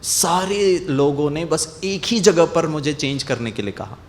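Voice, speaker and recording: A man with an Indian accent giving a motivational talk to athletes, telling stories and acting out scoldings with lively shifts. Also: on the high side, a little slow. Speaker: motivational speaker.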